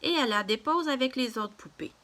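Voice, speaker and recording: Woman, reads a children's story, gentle, bright voice. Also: high-pitched, lively intonation, fairly quick. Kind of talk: reading a children's story aloud.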